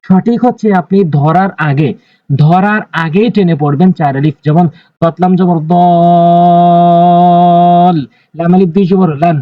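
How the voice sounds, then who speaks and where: A man teaching Quran recitation, slowly spelling out letters and drawing out the vowels, often repeating his instructions. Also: high voice, no echo, highs cut off. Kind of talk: Quran reading lesson.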